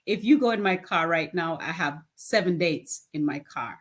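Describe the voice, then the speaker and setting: A woman's voice: fairly low pitch, animated, moderate pace. A woman in her fifties, a nonprofit founder, answering interview questions in an earnest, plain-spoken way and laughing easily. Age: 50s.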